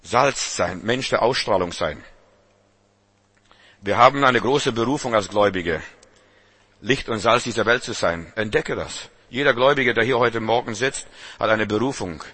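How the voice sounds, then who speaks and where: A man's voice: lowish voice, moderate pace, sharp tone, slightly rough. A man preaching a sermon to a church congregation, repeating and urging his listeners. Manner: emphatic, repetitive exhortation. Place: church service.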